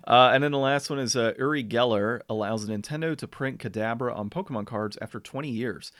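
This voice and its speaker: A man hosting a casual podcast, chatting loosely with plenty of fillers and quick laughs. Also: medium pitch, a bit bright, no room sound, clean studio sound. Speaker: podcast host. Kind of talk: casual chat.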